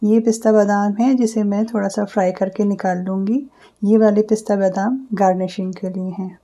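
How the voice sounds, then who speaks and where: A woman hosting her cooking channel, calmly explaining each step of a recipe as she cooks in her home kitchen. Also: mid-range voice, normal speed.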